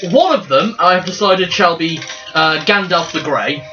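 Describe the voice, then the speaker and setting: A man, narrating as game master and making quick jokes. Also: on the high side, sharp tone. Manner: joking, quick asides. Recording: dull lo-fi with clear music behind.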